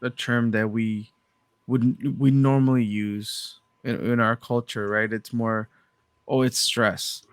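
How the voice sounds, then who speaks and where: A young man co-hosting a podcast in a casual, relaxed way, sliding easily between English and Spanish. His voice sits at a middling pitch. The mic is close and dry, with no room around him. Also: slow, clear, resonant tone, dry recording. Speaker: podcast co-host. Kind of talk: casual chat.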